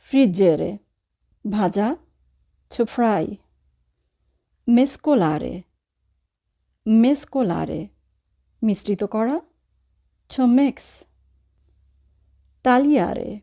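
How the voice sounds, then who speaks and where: A woman's voice: mid-range voice, gravelly, warm tone. A woman with a Bangladeshi Bengali accent teaching vocabulary, saying each word twice and then translating it. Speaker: language teacher. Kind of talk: slow vocabulary lesson.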